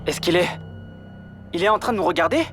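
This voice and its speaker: A man's voice: high-pitched, animated, a little fast, a bit bright, soft background music. A man voicing a jumpy, frightened teenage boy who keeps pleading with his friend, in dubbed film dialogue. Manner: panicky, pleading. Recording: film score playing behind.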